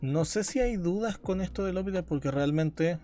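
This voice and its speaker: A man's voice: sits high, animated, moderate pace, warm tone, faint music behind. A man teaching a university calculus class, explaining step by step and often checking in with his students. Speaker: university math lecturer. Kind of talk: live calculus lecture.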